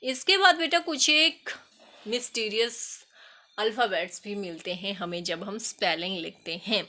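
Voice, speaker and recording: A woman teacher explaining an English lesson, reading English sentences slowly and loudly and spelling words letter by letter. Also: mid-range voice. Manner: spells words letter by letter, addresses students as beta. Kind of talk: recorded classroom lesson.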